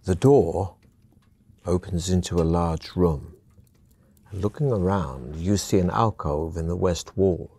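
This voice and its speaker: A man giving steady, measured second-person scripted narration for an adventure game. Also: low voice, slightly rough.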